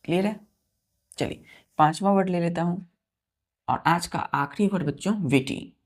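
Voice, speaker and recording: Male vocab teacher, gravelly tone, spells and counts aloud, repeats words slowly. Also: a little high. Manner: spells words letter by letter and counts aloud, often addressing the students; repeats key words slowly with drawn-out pronunciation. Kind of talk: vocabulary lesson.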